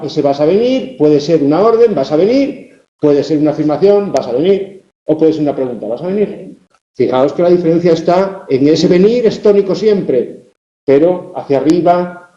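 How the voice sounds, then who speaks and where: A man's voice: fairly high pitch, warm tone. A man giving a university lecture, explaining carefully and often checking understanding, sounding tired. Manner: explanatory, frequent checks like ¿de acuerdo? and ¿vale?. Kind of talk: recorded spoken lecture. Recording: roomy, slightly dull lecture recording.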